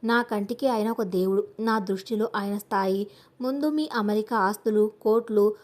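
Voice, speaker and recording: A woman's voice: mid-range voice, normal speed, lightly acted. A woman narrator voicing a young wife who speaks firmly and outspokenly. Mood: defiant. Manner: firm, outspoken.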